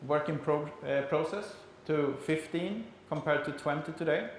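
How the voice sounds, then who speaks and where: Swedish guy doing a conference talk, swedish accent, slightly high voice, really echoey room, explains stuff kinda haltingly. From Sweden. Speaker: conference speaker. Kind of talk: conference presentation. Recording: very echoey room, faint background noise.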